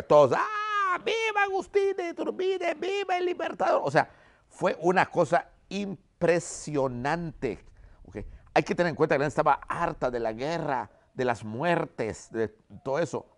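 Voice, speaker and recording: A man's voice: a little high, normal speed. A man, a history teacher, giving a vivid storytelling lesson and often checking in with "¿ok?". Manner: keeps adding "¿ok?" as a check-in; vivid, animated retelling.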